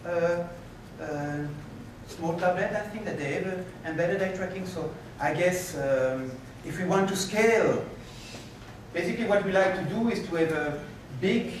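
A man giving a conference keynote and answering questions, animated and moving about the stage, recorded from a far camera in a lecture hall. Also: sits high, moderate pace, background noise. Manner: animated, gestures while pacing the stage. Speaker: keynote speaker. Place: lecture hall with projector screens. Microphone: far room camera.

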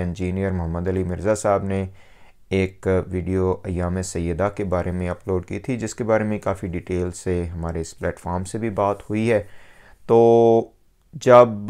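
A man giving a measured religious commentary, pausing often on fillers. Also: low voice, darkish tone, smooth. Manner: measured, with frequent hesitation fillers.

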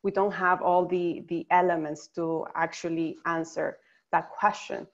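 A woman from Venezuela, a psychologist, presenting slides on a webinar in a measured, explanatory way. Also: on the low side, fairly even intonation, dull audio. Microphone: video call.

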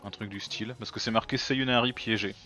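A man's voice: lowish voice, fairly even intonation, a little fast, pushed and bright, faint music behind. Chatty male let's-play host. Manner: chatty, thinks aloud with many fillers. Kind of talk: casual gameplay commentary.

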